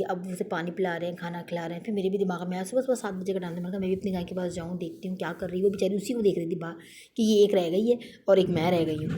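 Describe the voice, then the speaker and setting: Chatty woman with a mellow low voice. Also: slight background noise. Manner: chatty, storytelling with many fillers. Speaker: vlogger. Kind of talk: casual vlog voice-over narration.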